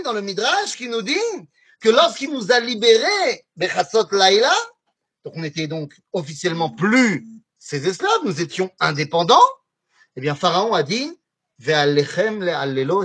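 Man, torah teacher, animated class lesson, high voice, husky. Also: normal speed. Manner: animated, asks the class questions. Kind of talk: lively religious lesson to a class.

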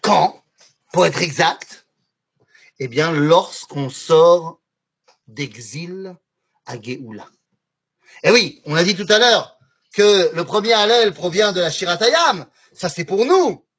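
A man teaching a lively religious lesson on Hebrew words to a class, often asking his students questions. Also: high-pitched, slow pace, long pauses, breathy edge. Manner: animated, asks the class questions. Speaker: Torah teacher.

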